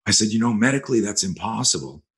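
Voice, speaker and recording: Blunt, profane man with a low voice. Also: lively intonation, fast, fairly bright tone. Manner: blunt, profane, vivid storyteller. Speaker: self-defense instructor, podcast guest. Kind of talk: storytelling in a podcast interview.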